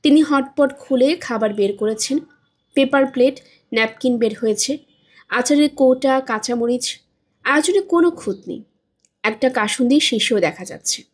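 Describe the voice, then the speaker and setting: A woman narrating a novel as a storyteller, steady and expressive. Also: high-pitched, normal speed, husky. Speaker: storyteller, audiobook reader. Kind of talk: novel reading.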